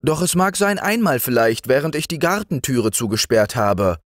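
A man voicing a defiant, scolding farmer's wife with a shrill, quick delivery. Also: fairly bright tone, no echo, studio quality, natural voice.

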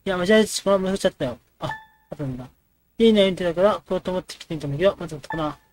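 Guy doing a let's play of a dating game, fast casual jokey commentary. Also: high voice, darkish tone, a little hiss or hum. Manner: quick, joking reactions to the game.

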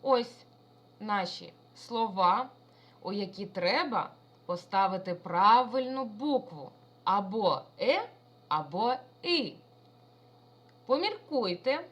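A woman's voice: fairly high pitch, big pitch swings, slow pace, long pauses, a bit bright, breathy edge. A woman primary school teacher giving a recorded lesson to young children, talking in an affectionate, sing-song way.

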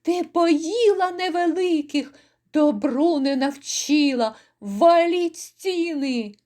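A woman voicing a grief-maddened Cossack father in a dramatic poetry recital, crying out in anguish with slow, drawn-out lines. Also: a little high. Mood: raging lament. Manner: anguished shouting and lament, drawn out. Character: grief-mad Cossack father, furious and despairing.

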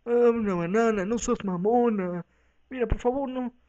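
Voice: mid-range voice, normal speed, mellow, lo-fi sound. A speaker with a Mexican accent doing a rowdy, profane comic parody dub of a talk show, voicing every part and switching between voices. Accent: Mexican Spanish.

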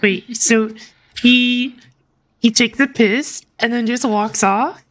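A woman's voice: on the high side, slow, fairly bright tone, slight background noise. A woman chatting casually with friends while playing a game, getting exasperated when it crashes. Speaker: gamer playing on stream. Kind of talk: casual gaming chat.

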